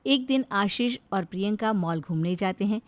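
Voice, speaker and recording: A woman narrating a cartoon moral story in a scripted, expressive storytelling manner. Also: mid-range voice, normal speed, no echo.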